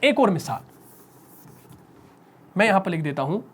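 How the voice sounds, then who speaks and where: A male teacher explaining a rule slowly and patiently. He keeps circling back with rhetorical questions and repeats each point. He sinks to a soft, drawn-out whisper to stress key terms. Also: high-pitched, very animated, breathy edge. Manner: repetitive, asks rhetorical questions; drops to a slow whisper on key words. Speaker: Quran recitation teacher. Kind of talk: classroom-style lesson.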